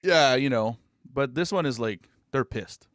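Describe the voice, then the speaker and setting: A man's voice: medium pitch, animated, unhurried, a bit bright, no room sound, clean studio sound. A man co-hosting a podcast, chatting casually and ramblingly about metal albums, with swearing and frequent laughs. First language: French. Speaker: podcast co-host.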